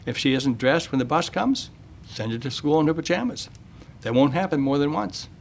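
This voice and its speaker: A male radio host with a gravelly, fry-tinged voice delivers a measured, plain-spoken talk. He has a gently wry touch, and there is a faint hiss under the recording. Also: on the high side, animated. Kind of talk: scripted radio monologue and interview.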